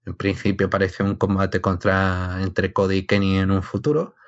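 A man's voice: low voice, completely flat delivery, moderate pace. A man giving casual, discursive wrestling analysis in a conversational way, often interrupting himself. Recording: slightly dull, lo-fi sound.

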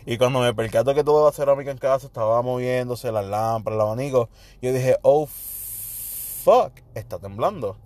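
A young Puerto Rican man casually telling personal stories, animated, slipping English slang into his Spanish and acting out what people said. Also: medium pitch, quick pace, no echo. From Puerto Rico. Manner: animated, mixes English slang, acts out quotes. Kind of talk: casual storytelling monologue.

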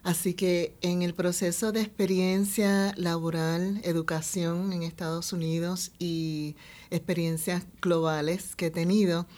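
Slow, measured Puerto Rican woman. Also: lowish voice, a little mellow. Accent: Puerto Rican Spanish. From Puerto Rico. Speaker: fashion designer, guest. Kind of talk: interview answers.

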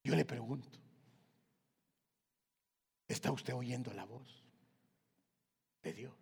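A man from Guatemala with a Guatemalan Spanish accent, preaching a fervent sermon in a church. He swings from shouted calls to hushed whispers and keeps addressing his listeners as brother. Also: medium pitch, slow pace, creaky, husky. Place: church hall. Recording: long reverb of a large hall.

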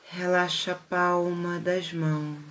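A guide leading a relaxation meditation in a soothing, unhurried manner, with short phrases and long pauses. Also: mid-range voice, level tone, fairly bright tone. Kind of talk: slow guided meditation narration.

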